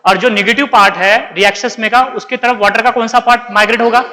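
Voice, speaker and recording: A man's voice: sits high, fairly even intonation, fast, sharp tone, big-room sound, low-quality recording. A man with an Indian accent teaching chemistry, mixing English terms into his lecture and repeatedly asking his students questions, then answering them himself. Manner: keeps quizzing students and answering himself, calls them beta. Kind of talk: classroom lecture.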